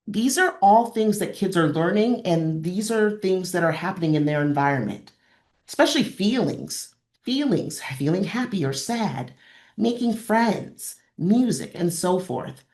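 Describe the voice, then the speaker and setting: The presenter of this librarian training webinar is a woman with a medium-pitched, expressive, somewhat mellow voice and an unhurried delivery. She explains encouragingly, offers examples, and repeats phrases for emphasis.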